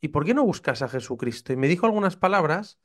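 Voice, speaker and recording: This podcast guest, a priest in his thirties from Spain with a Castilian accent, talks very fast and with great animation in a slightly high voice. He gives his personal testimony in conversation, earnestly and passionately, even acting out his past doubts.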